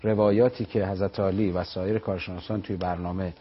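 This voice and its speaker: A man's voice: sits low, little pitch movement, husky, lo-fi sound. A man hosting a live TV talk program. He adds short remarks and finishes his guest's sentences. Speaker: TV program host.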